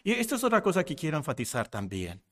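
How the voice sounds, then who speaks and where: A man preaching a sermon, swinging from loud emphatic peaks to low hushed passages and calling the congregation brothers and sisters. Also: wildly swooping pitch, quick pace. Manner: addresses listeners as brothers and sisters.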